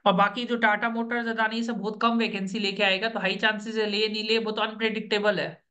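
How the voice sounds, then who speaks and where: A man's voice: high-pitched, flat delivery, fairly quick, sharp tone. A man coaching a student for job interviews on a video call, giving firm instructions and often checking that he is understood. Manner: directive, keeps checking understanding.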